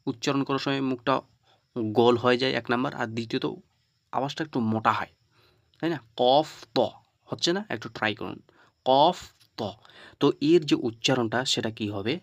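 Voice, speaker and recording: Man teaching in slow, repetitive steps. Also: medium pitch, fairly bright tone, dry recording. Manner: asks the viewer questions, then answers them himself; slow and repetitive, spelling out the letters one by one. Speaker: Quran recitation teacher. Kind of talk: online tajweed lesson.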